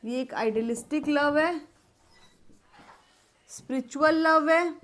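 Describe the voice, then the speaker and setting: A woman teacher with an Indian accent explains English vocabulary terms, switching between Hindi and English. Her voice sits high, and she speaks at an unhurried, dictating pace, repeating phrases while writing them out for students she calls "beta". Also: fairly bright tone. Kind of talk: classroom vocabulary lesson, Hindi mixed with English.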